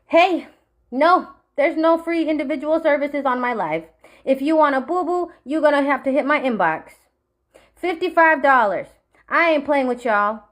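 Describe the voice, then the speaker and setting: Young Marshallese woman, slightly high voice, profane, threatening vlog rant with quiet menacing dips. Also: animated, moderate pace. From Marshall Islands. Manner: drops to a low menacing murmur. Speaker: vlogger. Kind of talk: angry direct-to-camera rant.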